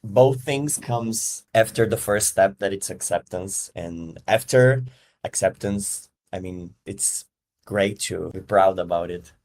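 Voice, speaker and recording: A man's voice: low voice, takes it slowly, darkish tone. A man from Brazil, a podcast guest giving thoughtful answers while searching for words. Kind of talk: casual interview answers.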